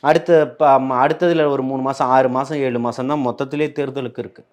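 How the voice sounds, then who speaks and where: A man's voice: medium pitch, steady tone, a little fast. A man, speaking as a party spokesman in a heated political interview, combative and full of rhetorical questions.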